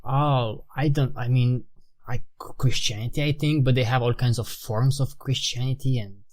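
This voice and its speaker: A Romanian man in his thirties speaks with a Romanian accent at a medium pitch, keeping his intonation fairly even and his speed normal. He's a guest in a casual interview, talking thoughtfully, often restarting phrases and leaning on "you know" and "like."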